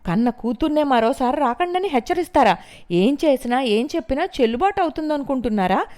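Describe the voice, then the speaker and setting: A woman acting out a furious young woman, shrill and very loud, shouting accusations, storybook reading, high pitched. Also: sing-song, brisk. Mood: shouting angrily.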